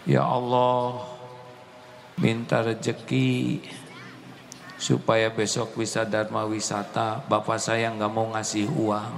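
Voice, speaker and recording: A man's voice: lowish voice, completely flat delivery, slow, gravelly, long pauses, a little hiss or hum. A man voicing an earnest, confused young schoolboy who prays and pleads. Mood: pleading. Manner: pleading, plaintive prayer tone. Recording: echoey hall, faint ambience.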